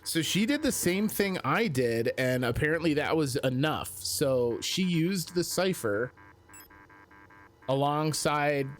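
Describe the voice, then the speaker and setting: A man's voice: fairly high pitch, slight background noise. A man giving casual video game commentary as a streamer, thinking aloud in a musing, self-questioning way.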